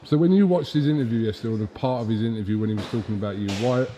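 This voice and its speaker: A man's voice: on the low side, rapid-fire, a little hiss or hum. A man asking informal questions as an interviewer.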